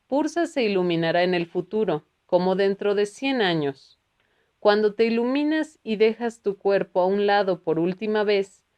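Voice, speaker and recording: A woman voicing a calm, gentle male spiritual teacher who explains things patiently in a read-aloud book. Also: mid-range voice, clear, resonant tone, lightly acted.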